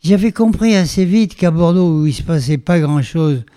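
Animated older French man, resonant voice. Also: on the high side, moderate pace, clean tone, dry recording. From France. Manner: animated, theatrical storyteller with many restarts. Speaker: guest, veteran stage performer. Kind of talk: interview, autobiographical storytelling.

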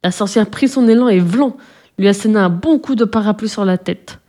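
A woman reading a children's storybook aloud as narrator, calmly and evenly. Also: medium pitch, fairly quick.

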